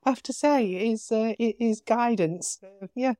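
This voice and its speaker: A woman with a British accent, a podcast guest, telling her story in a casual, animated way with quoted dialogue. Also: fairly high pitch, measured pace, no echo, clean studio sound. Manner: animated retelling with quoted dialogue, frequent laughs.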